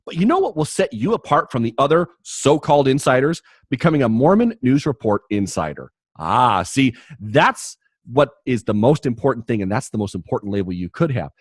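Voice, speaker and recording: A man's voice: medium pitch, sing-song, a little fast, husky, dry recording, studio quality. A man hosting a podcast, chatting in a jokey, rambling way with many restarts. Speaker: podcast host. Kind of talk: casual podcast chat and promo read.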